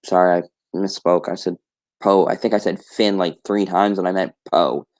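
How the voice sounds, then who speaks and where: A male streamer with a somewhat low voice talks through a story in a loose, casual monologue. He rambles, doubles back on his words and corrects himself, with the odd offhand curse. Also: steady tone, normal speed, a little mellow. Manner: rambling, many restarts and self-corrections.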